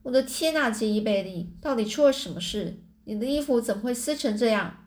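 A woman's voice: mid-range voice, brisk, lightly acted. A woman voicing an anxious farm mother who keeps questioning her son in a storybook reading. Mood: alarmed. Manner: alarmed, questioning.

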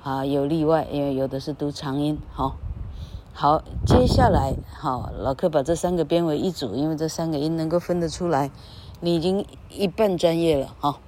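A woman's voice: sits low, normal speed, background noise. A woman teaching English vowel sounds in casual Mandarin with a Taiwanese accent. She drawls out each vowel as she demonstrates it and tags her phrases with a little "ha". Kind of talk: casual spoken lesson. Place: recording under an elevated railway bridge.

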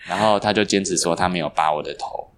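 A young man, chatting casually and telling animated stories, laughing often and swearing casually. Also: deep voice, fast talker. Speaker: podcast guest. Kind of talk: casual chat. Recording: poor quality recording.

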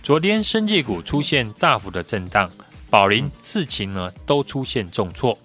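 A man's voice: medium pitch, very animated, moderate pace, a bit bright, faint music behind. A man with a Taiwanese Mandarin accent giving prepared stock market commentary as an analyst, explaining point by point.

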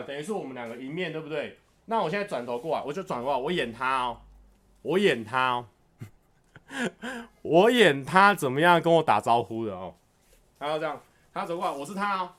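A man's voice: fairly high pitch, dry recording. A man hosting a livestream, telling stories casually, acting out scenes and laughing often. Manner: animated storytelling, acts out scenes, laughs often. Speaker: livestream host. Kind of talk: casual chat with viewers.

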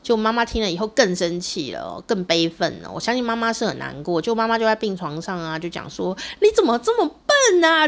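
A middle-aged woman with a Taiwanese Mandarin accent tells a story in a casual monologue. She speaks expressively and often tags her phrases with a drawn-out "oh.". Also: medium pitch. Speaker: vlogger.

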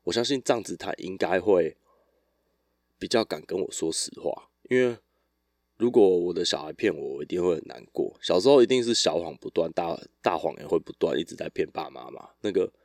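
A man hosting a casual solo podcast, telling stories in a relaxed, rambling way with frequent restarts. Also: low voice, brisk, no room sound, clean studio sound. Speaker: podcast host.

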